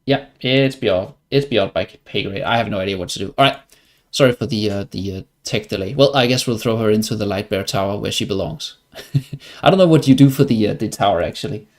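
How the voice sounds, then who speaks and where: A Danish man with a Danish accent streams games, offering casual, wry commentary on his play. His voice is lowish and his pace brisk.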